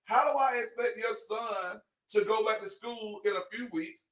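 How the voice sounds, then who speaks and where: A man hosting a podcast in casual, energetic talk-show chat, laughing often. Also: sits high, moderate pace. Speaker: podcast host. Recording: roomy sound, far from the mic.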